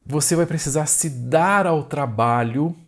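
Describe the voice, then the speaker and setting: A man's voice: a little high, measured pace. A man, a family communication educator, talks straight to the viewer in short, repeated phrases. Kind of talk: direct-to-camera explanatory talk.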